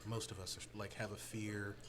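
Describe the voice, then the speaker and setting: A man's voice: on the low side, flat delivery, moderate pace, noisy background. A man hosting a casual panel podcast, joking his way through introductions. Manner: playful, jokey introductions. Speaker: podcast host. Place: pub. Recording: busy pub crowd behind. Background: pub crowd chatter.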